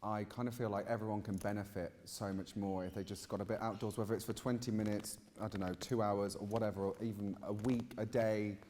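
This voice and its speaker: A man's voice: on the low side, level tone, fairly quick, hardly any pauses, darkish tone, a little hiss or hum. Camp british guy mid 20s, gushy and chatty, telling stories live in a big reverby hall. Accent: British English. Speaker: interviewed guest, drag queen gardener. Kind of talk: casual personal storytelling on stage.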